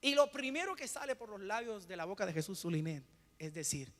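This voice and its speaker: Male pastor with a high, bright, forceful voice, preaching in call-and-response style and moving between hushes and loud bursts, in a long-echoing hall. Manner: preaching with rhetorical questions and call-and-response pauses. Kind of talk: sermon.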